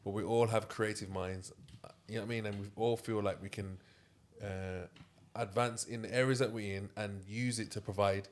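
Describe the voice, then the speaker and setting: Laid-back man, lowish voice. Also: fairly even intonation, normal speed. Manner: laid-back, slangy, makes points with "innit" and "you get it". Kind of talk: casual podcast chat.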